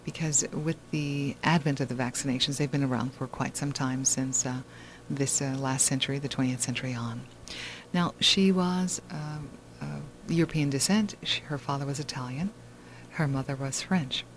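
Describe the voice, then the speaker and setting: A woman's voice: extremely low pitch, moderate pace, slight background noise. A woman hosting a talk show, telling a long story in a rambling way with many fillers and restarts. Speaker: host.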